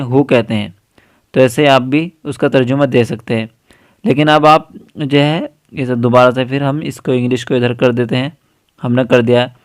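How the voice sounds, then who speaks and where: A man talks slowly through a phone app tutorial, one step at a time, and pauses often on small fillers. His voice is smooth and resonant. It is recorded close and dry, with no room sound. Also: mid-range voice, no echo. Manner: patient step-by-step explaining, frequent fillers. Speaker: tutorial host.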